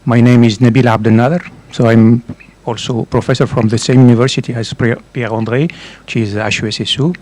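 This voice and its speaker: A man with a French accent presents his research at a conference. He speaks haltingly, pausing often with fillers and restarting his phrases. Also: mid-range voice, fairly even intonation, a little mellow. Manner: hesitant, many fillers and restarts. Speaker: professor and researcher.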